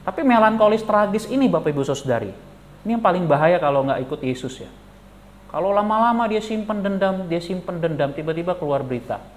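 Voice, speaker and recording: A male pastor giving a lively sermon, animated and jokey, questioning the congregation. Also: high-pitched, fairly quick. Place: church.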